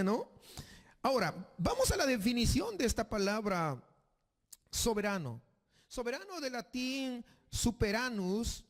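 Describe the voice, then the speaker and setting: High-voiced male pastor preaching in a church. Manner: emphatic preaching, slows for reading scripture aloud. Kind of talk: sermon. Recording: long church reverb.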